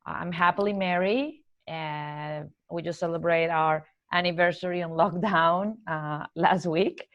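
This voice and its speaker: A woman from Colombia with a Colombian accent, a corporate trainer and coach answering podcast interview questions earnestly and laying out her ideas in measured steps. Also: lowish voice, fairly even intonation, no echo, highs cut off.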